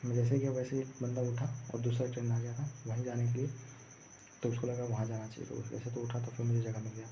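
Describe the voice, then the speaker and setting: A young man vlogging about the day of his exam tells it casually, looping and repeating as he goes. He is a fast talker with a monotone delivery at medium pitch, recorded on muffled lo-fi audio with faint background noise.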